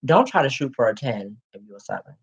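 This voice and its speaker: A man in his late twenties co-hosts a casual chat, sassy and dramatic, calling listeners "girl" and "honey." His mid-range voice is very animated and fast, with vocal fry and a breathy edge, on a dull lo-fi recording.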